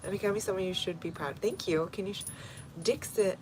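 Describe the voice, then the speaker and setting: A woman's voice: medium pitch, fairly quick, a little mellow, slight background noise, poor audio. A woman from Texas hosting a casual garden livestream outdoors, chatting and answering viewer comments one by one with fillers. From Texas, United States.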